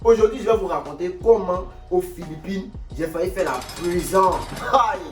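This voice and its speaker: A young man tells a comic story in an animated, exclamatory way. His voice sits a little high for a man. He sounds set back from the mic in an echoey room, with faint music underneath. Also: moderate pace, far from the mic. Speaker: vlogger.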